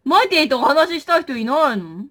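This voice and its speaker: A woman's voice: high voice, very animated, a little fast, fairly bright tone. A woman chatting playfully on a live stream, reading viewer comments and talking to her plush toys.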